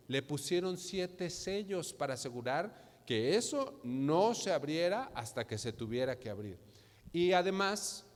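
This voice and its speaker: A man with a Mexican Spanish accent preaching a sermon as pastor, asking rhetorical questions and acting out imagined voices. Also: fairly high pitch. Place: church hall. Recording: church sermon with long hall reverb.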